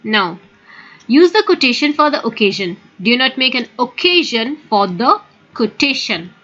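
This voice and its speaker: A woman's voice: a little high, big pitch swings, moderate pace, a bit bright, muffled recording. A woman with an Indian English accent teaching a spoken English lesson, explaining patiently and often turning to her listeners with direct questions.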